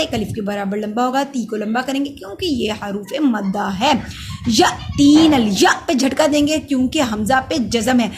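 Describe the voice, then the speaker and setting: Woman, high voice, recitation teacher, slow drawn-out chanting between calm explanations, faint hiss behind. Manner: chants verse words slowly and loudly, then explains in a plain lower voice; self-correcting, says sorry. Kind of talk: step-by-step tajweed lesson.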